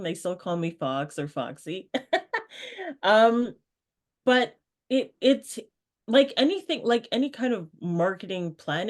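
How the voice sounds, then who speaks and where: Brief: young adult woman, interview guest from Canada, lively and casual, laughs easily. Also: fairly low pitch. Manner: animated, laughs often, acts out quoted voices. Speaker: guest, brand strategist.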